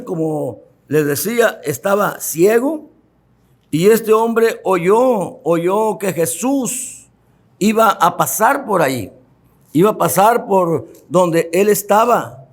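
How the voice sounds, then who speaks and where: A high-voiced pastor delivers a fervent sermon in church, speaking straight to his congregation. He hammers points home by repeating phrases and stretches out important words.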